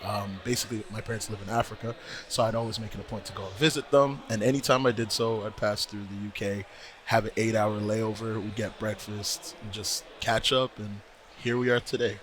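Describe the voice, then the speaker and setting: Low-voiced man telling a story. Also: fairly quick, slight background noise. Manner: animated, laughing storyteller. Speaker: guest musician. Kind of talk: interview storytelling. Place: conference.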